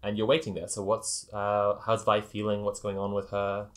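A man narrating an improvised tabletop game as game master, with a halting, hesitant delivery. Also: fairly low pitch, monotone.

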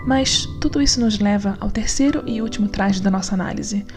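A woman narrating a scripted essay in an analytical, conversational way with lively asides. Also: medium pitch, fairly quick, soft background music. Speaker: narrator and writer.

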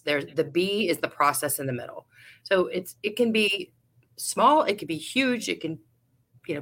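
Woman, very low voice, frank and relaxed, podcast guest. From Ohio, USA. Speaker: business owner guest. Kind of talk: casual interview answers.

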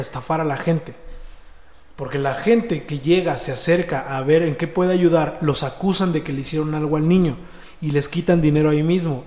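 A man with a Mexico City accent tells a story in loose, street-slang talk, full of swearing, repeated words and restarts. His voice sits a little high for a man. The room echoes, with a long reverb tail. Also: a little mellow. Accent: Mexico City Spanish. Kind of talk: casual personal anecdote.

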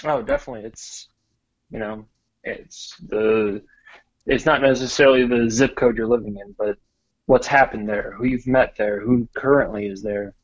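A man of middling pitch speaks as a podcast guest in an easygoing, dryly humorous way. His audio sounds dull and slightly lo-fi, like a remote connection. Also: moderate pace. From born in Cameroon, raised in several countries. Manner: relaxed, wry and self-deprecating. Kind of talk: casual conversational interview.

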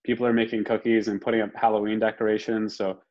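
A young man from Romania guests on a podcast, telling his life story in a relaxed, rambling way. His voice sits fairly low, he leans on fillers and throws in a curse now and then, and the recording comes through muffled and lo-fi. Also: fast. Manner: relaxed, frequent fillers, occasional swearing. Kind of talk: casual conversational storytelling. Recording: dull lo-fi sound.

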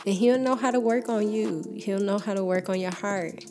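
A woman's voice: mid-range voice, moderate pace. A young woman giving a casual, heartfelt faith talk, speaking informally and often saying "like" and "you know.". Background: background music.

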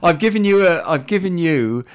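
A man's voice: on the high side, expressive, normal speed, clear, resonant tone. A man with a southern English Isle of Wight accent, interviewing guests chattily as a radio host. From Isle of Wight, England.

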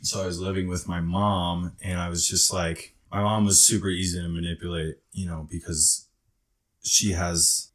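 A young man with a very low, husky voice spins a rambling story. He leans on "like" and swears freely in loose, casual talk. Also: little pitch movement, moderate pace, fairly bright tone. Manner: rambling, heavy use of "like" and profanity. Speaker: guest in recovery.

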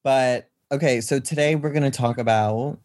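A man's voice: medium pitch, normal speed, a little mellow, dry recording. Casual male podcast co-host, dry sound. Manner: informal, opinionated.

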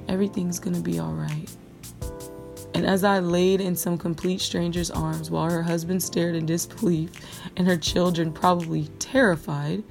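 A woman's voice: on the low side, darkish tone. Candid woman telling a faith story. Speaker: podcast host. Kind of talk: personal faith podcast storytelling.

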